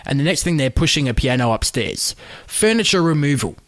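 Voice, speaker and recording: A man's voice: on the high side, very animated, fairly quick, fairly bright tone, no room sound. A man co-hosting a podcast, chatting casually and jokingly about a TV pilot. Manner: joking, swears, slips into mimicry. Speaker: podcast co-host. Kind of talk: casual review chat.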